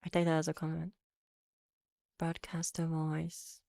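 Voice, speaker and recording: A young Polish woman, a VTuber, has a deep, gravelly, warm voice and an unhurried, completely flat delivery, captured at studio quality with no room sound. Her English accent mixes American and British. On her casual livestream she reads chat aloud, rambling and correcting herself with frequent fillers and restarts, and laughs easily.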